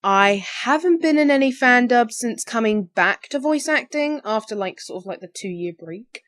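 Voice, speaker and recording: A young adult woman, an amateur voice actor, rambles informally through a casual Q&A vlog about her hobby, slightly tired after recently waking up. Her voice is fairly high, expressive, moderately paced and a bit bright.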